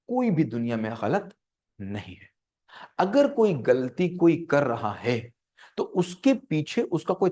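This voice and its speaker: A man's voice: mid-range voice, warm tone. A middle-aged man giving an earnest motivational talk on parenting and life skills. He repeats phrases for emphasis and mixes English terms into his Hindi.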